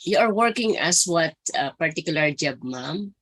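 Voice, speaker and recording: A woman adviser, hoarse from a dry cough, politely questioning a presenter on a video call and calling her ma'am. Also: deep voice, lively intonation, moderate pace, fairly bright tone, dry recording. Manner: polite and deferential, addressing others as ma'am. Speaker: academic adviser reviewing proposals.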